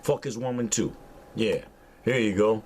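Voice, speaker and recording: An older man delivering an angry, profane, preachy rant to camera, mocking his listeners and breaking into high shouts. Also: moderate pace, slight background noise. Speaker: vlogger. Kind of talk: angry ranting monologue.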